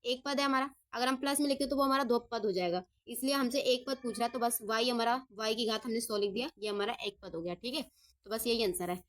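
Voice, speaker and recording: Woman maths tutor, slightly high voice, patient, asks and answers her own questions. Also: fast. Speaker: maths teacher. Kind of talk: step-by-step lesson.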